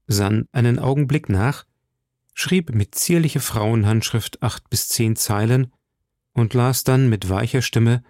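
A man reading a classic novel aloud as a steady audiobook narrator. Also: medium pitch, a little slow, dry recording, clean studio sound. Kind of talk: scripted narration.

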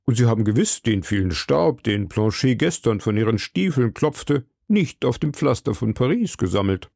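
A man's voice: mid-range voice, big pitch swings, normal speed, creaky, darkish tone, no echo, clean studio sound. A man reading an audiobook who voices a timid, fretful middle-aged shopkeeper with a nervous, fawning manner. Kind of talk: audiobook character voice.

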